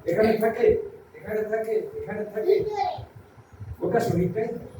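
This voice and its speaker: A woman teaching a theatre workshop to schoolchildren, asking them questions and coaxing answers in a lively way. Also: mid-range voice, normal speed. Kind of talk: teaching children acting in class. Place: school classroom. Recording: echoey room, far from mic, noisy.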